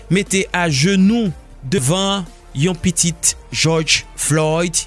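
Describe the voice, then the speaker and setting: Male radio host, impassioned commentary, high lively voice over soft music. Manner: emphatic, mixing Haitian Creole and French.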